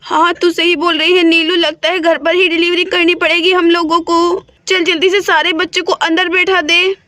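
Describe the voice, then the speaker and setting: A woman voicing an older village midwife aunt who calms the patient and gives orders in a doll-play story. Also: very high voice, normal speed, dry recording. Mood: firm calm. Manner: soothing and commanding.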